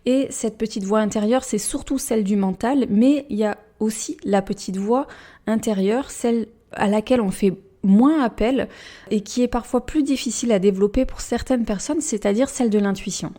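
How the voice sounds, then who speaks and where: A woman coach hosting a calm self-help podcast, speaking in a gentle, measured way. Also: fairly high pitch. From France. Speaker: life coach and podcast host.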